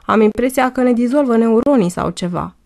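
A woman's voice: a little high, vocal fry, a little mellow. A woman narrator gives a confident woman in her thirties expecting twins. Her voice is friendly and self-assured.

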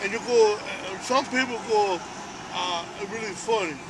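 A man's voice: sits high, a little slow. A middle-aged man in a casual street chat, rambling drunkenly, repeating himself and swearing. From United States. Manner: drunk, rambling, repetitive, foul-mouthed. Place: outdoors beside a car on a street. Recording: noisy outdoor street recording.

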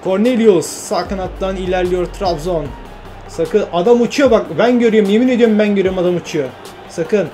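Excitable man playing a football game. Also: high-pitched, a little fast, soft background music. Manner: exclaiming and repeating phrases. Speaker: gaming YouTuber.

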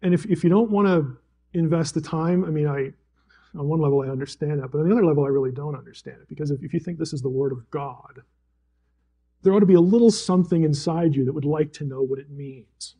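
A man's voice: fairly high pitch, fast, dark tone, slightly rough. A man teaching the Bible at a fellowship gathering, telling stories animatedly with frequent restarts and chuckles. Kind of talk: live talk to a gathering.

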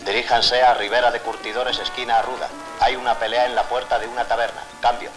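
A brisk male dispatcher calls out orders over a police radio transmission, every phrase clipped and formal. His voice sits at an ordinary pitch, and a film score plays beneath him. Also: little pitch movement, over music, low-quality recording. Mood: urgent. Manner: clipped, formal call-outs. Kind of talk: 1950s film trailer acting.

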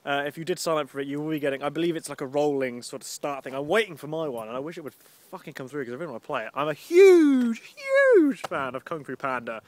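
A man's voice: on the high side, racing, hardly any pauses, no echo. A man rambling casually in an outdoor vlog, chatty and self-deprecating, swearing now and then. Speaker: vlogger. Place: outdoors with wind.

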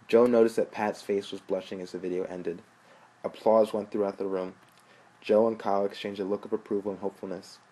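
A man narrating a story aloud in a steady, plain way. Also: on the low side, slightly rough, rough recording. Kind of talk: audiobook narration.

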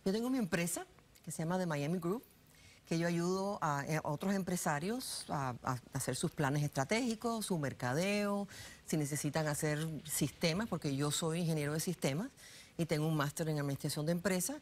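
A woman in her sixties, born in Cuba, talks on a lapel mic in a TV studio. Her voice sits low, and she speaks chattily, with many fillers and restarts. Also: normal speed, slight background noise. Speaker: guest, political analyst. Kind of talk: studio interview, personal story.

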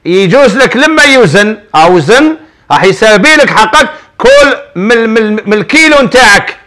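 A man's voice: high voice, expressive, moderate pace, pushed and bright. A middle-aged man speaking with an Algerian Arabic accent, a sheikh hosting a religious advice show, preaching in an emphatic, repetitive, colloquial storytelling manner. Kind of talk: preaching, answering viewer questions.

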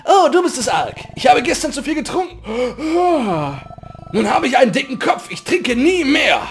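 Man doing a whiny, high-voiced hungover villager. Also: sing-song, moderate pace, faint music behind, heavily acted. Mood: groaning. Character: groaning hungover villager craving a drink. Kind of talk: video game character read aloud.

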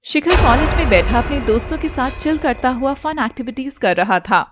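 A woman narrating a scripted animated drama in an even storytelling voice. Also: high-pitched, fairly quick, loud music behind the voice.

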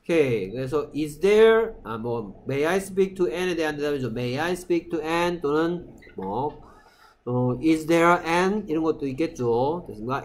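A male English teacher leading a classroom lesson, his voice sitting a bit high for a man. He talks at a slow, deliberate pace, spelling out model sentences and checking in with the class after each point. Faint background noise hangs in the room. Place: school classroom.

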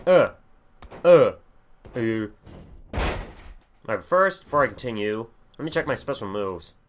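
A young man commentating a wrestling video game as he plays, excitable and full of profanity. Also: medium pitch, a little slow, noisy background. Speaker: gaming channel host. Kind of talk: let's play commentary.

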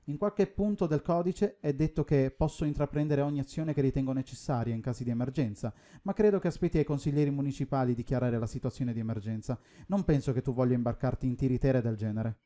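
A man voicing a calm, dry police chief. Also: mid-range voice, quick pace, few pauses, lightly acted. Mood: measured.

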